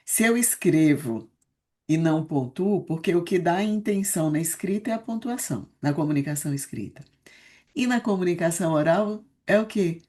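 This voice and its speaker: A woman who works as a speech therapist, a podcast guest explaining ideas in a measured, conversational way. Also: on the low side, animated, darkish tone. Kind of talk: casual explanatory chat.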